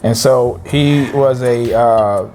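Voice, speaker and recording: A man co-hosting a couples' ministry channel, chatting in a lively, teasing way. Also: mid-range voice, takes it slowly, a little hiss or hum. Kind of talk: casual chat.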